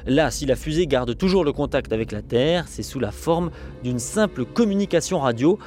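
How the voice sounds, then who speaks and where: A man's voice: mid-range voice, animated, normal speed, a little mellow, faint music behind. A man giving scripted film-essay narration in a didactic, wryly humorous way.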